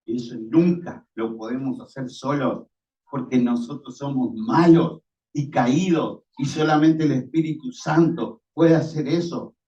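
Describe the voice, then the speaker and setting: A man's voice: medium pitch, unhurried, dark tone. A man preaching a sermon, emphatic, asking rhetorical questions and answering them himself. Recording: echoey, distant, dull lo-fi sound.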